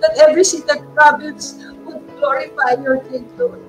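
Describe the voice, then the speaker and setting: A woman's voice: sits high, steady tone, moderate pace. A woman with a Filipino accent leading fervent intercessory prayer. She calls out "Lord God" between her phrases and moves between two languages. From Philippines. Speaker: prayer leader. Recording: distant mic with music underneath.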